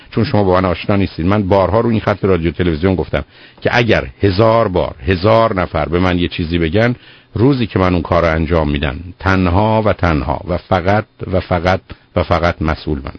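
A man's voice: on the low side, dry recording. A man hosting a radio call-in advice show, earnest and lecturing, repeating words for emphasis. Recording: dull lo-fi radio broadcast.

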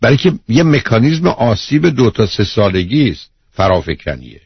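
On dull lo-fi radio audio with no echo, a man with a mid-range, husky, sing-song voice hosts a call-in advice show as a psychologist. He talks bluntly and lectures the caller.

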